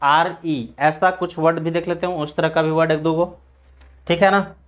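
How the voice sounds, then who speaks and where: Man teaching pronunciation, slightly high voice. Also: fairly even intonation. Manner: spells words letter by letter and drills them slowly; asks the class questions and answers them himself. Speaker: English teacher. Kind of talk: classroom pronunciation lesson.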